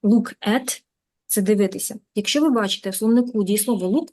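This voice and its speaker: A Ukrainian woman teaching a beginner English class online, in a lively, coaxing manner, repeating words to drill pronunciation. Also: mid-range voice, quick pace. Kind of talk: live online lesson.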